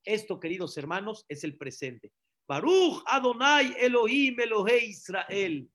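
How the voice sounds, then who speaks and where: A rabbi preaching a sermon, repeating phrases and asking the listeners questions. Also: male voice, high voice, big pitch swings, measured pace, background noise. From Mexico. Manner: preaching with repetitions and rhetorical questions.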